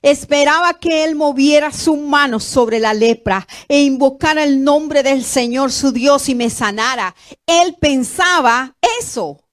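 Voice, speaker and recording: Animated woman preaching a sermon. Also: unhurried. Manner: animated, swings between loud exclamations and soft low asides; addresses listeners directly with questions.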